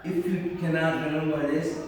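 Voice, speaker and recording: A man teaching a classroom lesson, slowly repeating and drilling terms with his students. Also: a little high, steady tone. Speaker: tajweed teacher. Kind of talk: classroom lecture. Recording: echoey hall, mic far off, faint noise.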